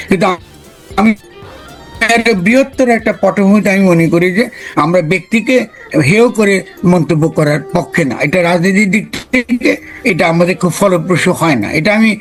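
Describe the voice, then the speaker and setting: Bangladeshi guy on a glitchy video call that keeps breaking up, halting, kinda high voice. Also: faint music behind. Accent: Bangladeshi Bengali. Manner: halting, restarts phrases as words drop out. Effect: choppy video call connection breaking up. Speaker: remote interview guest. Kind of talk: political talk show interview.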